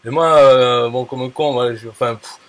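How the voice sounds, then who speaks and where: An affiliate marketer speaks to a viewer at normal speed, his mid-range voice fairly even in intonation. The talk is casual and blunt, riddled with fillers, restarts and crude slang.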